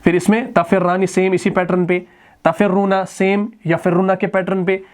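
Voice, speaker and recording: Brief: male teacher, high voice, recites each verb form and then explains patiently. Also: little pitch movement. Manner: recites word forms slowly, then explains in plain terms. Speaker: Quran and Arabic grammar teacher.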